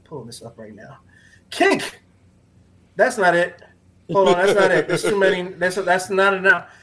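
Animated, high-voiced man hosting a podcast. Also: moderate pace. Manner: joking, profane, laughs often. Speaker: podcast host. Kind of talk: casual chat.

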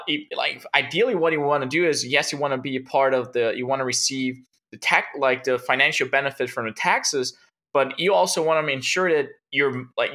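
This man from Brazil is a tech founder in a casual interview, explaining with plenty of "like" and frequent restarts as he rambles. His voice is on the high side with a sharp tone.

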